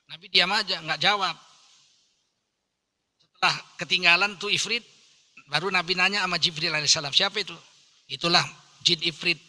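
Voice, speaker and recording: Animated male preacher, bright voice. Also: sits high. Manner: animated storytelling, jokes, acts out quoted voices. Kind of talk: sermon.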